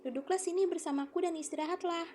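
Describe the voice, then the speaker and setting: A woman's voice: extremely high pitch, steady tone, quick pace, a little hiss or hum, pitched above the performer's own voice. A woman reading aloud and voicing a kind, generous apple tree in an inviting, lifted voice. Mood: gentle. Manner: bright, inviting, cheerfully calling out.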